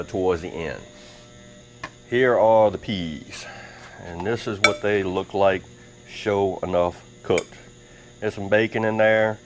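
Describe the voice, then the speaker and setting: A Southern man from Mississippi hosts a casual cooking vlog, chatting in a folksy drawl with a lowish voice. He is recorded in a workshop with insects audible outside, and the recording quality is low.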